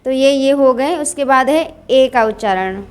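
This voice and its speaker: A woman's voice: sits high, measured pace, clear, resonant tone. A woman teaching a pronunciation lesson, reading rules aloud and drilling word lists. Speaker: English teacher. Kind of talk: slow classroom-style pronunciation lesson.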